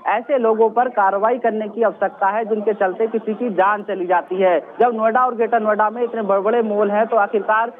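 A man's voice: high voice, steady tone, a little fast, hardly any pauses. A male field reporter giving an earnest live news report from outdoors at a scene, repeating the key questions. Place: outdoors at a mall. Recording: tinny phone-line audio.

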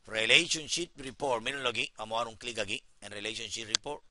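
A man teaching a software class in a classroom, repeating each step and talking straight to his students. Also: mid-range voice, brisk, heavy background noise. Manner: repeats instructions, addresses students directly. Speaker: computer instructor.

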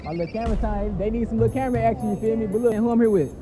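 A man's voice: high voice, very fast. A young man from Dallas, hyping up a street interview in a shopping mall with a handheld mic, full of slang. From Dallas, Texas. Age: young adult. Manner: loud, slangy hype talk. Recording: background music over mall noise.

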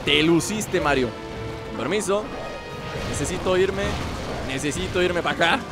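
Young male let's-player; high voice, playful slangy commentary over faint game music. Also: unhurried. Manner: playful, mock-dramatic, slangy asides. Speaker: gameplay commentator. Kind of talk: joking let's-play commentary.

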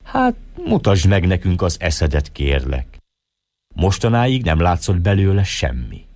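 A man reading as a sly, slow-talking man. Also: deep voice, huge pitch swings, darkish tone, dry recording, exaggerated voice.

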